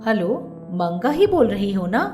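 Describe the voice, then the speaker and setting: A pushy young village friend in a cartoon story, put on by a woman, speaking lower than usual and a touch louder. She needles and prods, and the voice sits in a roomy echo. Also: very animated, unhurried, faint music behind. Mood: teasing.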